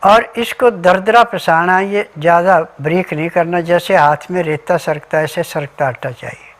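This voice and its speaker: A man's voice: sits high, moderate pace. A man giving an instructional health talk as a remedy advisor, methodically listing ingredients and diet rules step by step.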